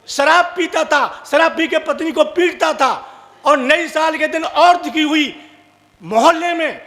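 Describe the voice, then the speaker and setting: High-voiced man telling jokes on stage. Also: a little slow, sharp tone. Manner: acts out drunk and stammering characters. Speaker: comic poet. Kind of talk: stage comic storytelling. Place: stage in a large hall with audience. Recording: echoey hall from far off.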